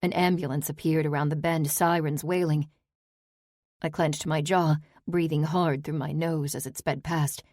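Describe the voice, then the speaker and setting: Female audiobook narrator, low-pitched, tense and clipped, dry close read. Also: steady tone, moderate pace, darkish tone, no echo. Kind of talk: first-person audiobook narration.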